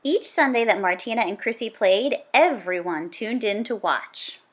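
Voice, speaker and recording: Reading a children's nonfiction book, a woman tells it in a dramatic, emphatic storytelling style. Her mid-range voice carries lively intonation, punchy exclamations and lingering key words.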